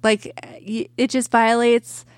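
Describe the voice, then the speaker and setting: A woman's voice: on the high side, flat delivery, slow pace, dry recording, studio quality. A woman chatting casually as a podcast co-host, with an informal, speculative storytelling manner. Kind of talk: casual chat.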